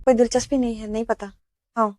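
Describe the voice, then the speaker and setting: A woman's voice: fairly high pitch, fairly even intonation, a little fast, darkish tone, slight background noise, lightly acted. An actress dubbing a snobbish young female former coworker who talks in a mocking, condescending way. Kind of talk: dubbed drama dialogue.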